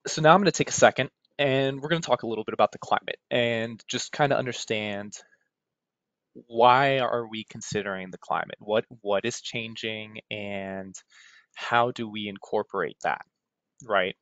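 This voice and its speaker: The recording is dull, roomy lo-fi webinar audio of an American man giving a casual technical presentation, regularly checking in with "right?". His lowish, slightly bright voice moves at normal speed.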